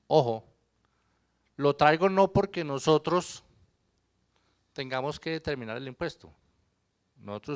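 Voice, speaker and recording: Male accountant, seminar lecturer, chatty and quizzing, higher voice, smooth tone. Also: fairly bright tone. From Colombia. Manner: conversational lecturing, quizzes the audience, jokes. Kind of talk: live seminar presentation.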